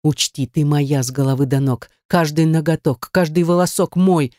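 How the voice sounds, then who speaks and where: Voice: medium pitch, level tone, moderate pace, mellow, no room sound, studio quality, close to an everyday voice. An audiobook narrator voicing a domineering, jealous man who speaks sternly and growls. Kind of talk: audiobook dialogue.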